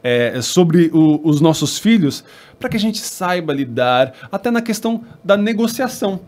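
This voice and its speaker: Brazilian male host, slightly higher voice, relaxed storytelling chat. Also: moderate pace. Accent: Brazilian Portuguese. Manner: storytelling, thoughtful, many restarts. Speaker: podcast host. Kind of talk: casual chat.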